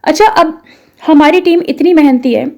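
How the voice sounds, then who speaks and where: A woman's voice: high-pitched, moderate pace, vocal fry, dark tone. A woman with a Pakistani accent, an English course instructor explaining how her course works, posing rhetorical questions and slipping English phrases into her talk.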